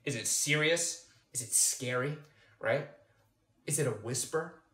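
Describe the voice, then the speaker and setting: A man giving a calm, explanatory coaching lesson to camera, checking in with the viewer as he goes. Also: mid-range voice, a little slow. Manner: calm, explanatory, addresses the viewer directly with "okay?". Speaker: personal development coach. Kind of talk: instructional talk to camera. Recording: roomy echo.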